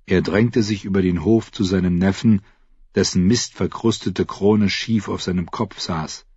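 Husky low-voiced male audiobook narrator. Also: steady tone, a little mellow, no room sound. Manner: measured storytelling. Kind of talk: scripted narration. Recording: dull, dry audiobook recording.

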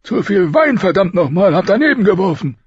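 A man voicing a dying, wounded king with a raspy voice, barking out harsh commands in an audiobook. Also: high-pitched, very animated, brisk, no echo, muffled recording, voice pushed up, heavily acted. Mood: bitter, rough. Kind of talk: audiobook character voice.

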